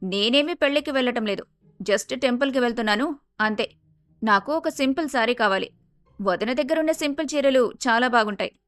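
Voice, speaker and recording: A woman voicing several family members in a cartoon moral story, with expressive shifts between characters. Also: a little high, a little fast, no room sound, faint music behind, lightly acted. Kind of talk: Telugu cartoon story voice acting.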